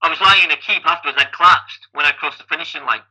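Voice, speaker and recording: He talks fast, his voice a little high and sharp in tone, on a low-quality recording. The speaker is a Scottish podcast guest in his fifties, an amateur endurance athlete conversationally recounting his life and often beginning phrases again.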